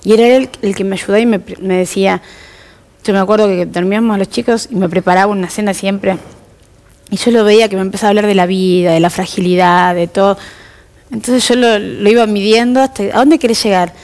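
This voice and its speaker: A woman's voice: mid-range voice, fairly even intonation, a little fast, darkish tone. A woman with an Argentine accent, a TV interview guest recounting her experience earnestly and vividly, quoting dialogue. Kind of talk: personal storytelling in a TV interview.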